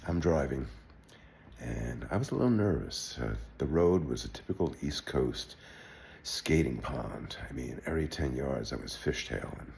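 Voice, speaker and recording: An older man telling a wry personal anecdote in a relaxed, halting way, with wry understatement. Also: very deep voice, gravelly. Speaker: storyteller. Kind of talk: personal anecdote told aloud.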